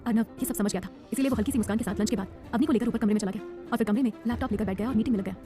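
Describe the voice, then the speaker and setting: A woman narrating a romance audiobook in a rapid, dramatic storytelling style. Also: medium pitch, mellow, soft background music.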